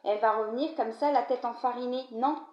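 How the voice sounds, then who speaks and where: A woman with a cold delivers a brisk tarot-style card reading straight to camera, coughing at times. She's conversational and keeps checking in with the listener by asking "d'accord?". The sound is a quiet, dull home recording with noticeable room echo.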